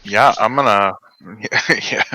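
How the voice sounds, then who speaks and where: Male tabletop player, bright tense tone, giggly, dry close mic. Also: fairly low pitch, slow pace, dry recording, low-quality recording. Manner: giggly, rambling. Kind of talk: casual tabletop game chat. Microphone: online voice chat.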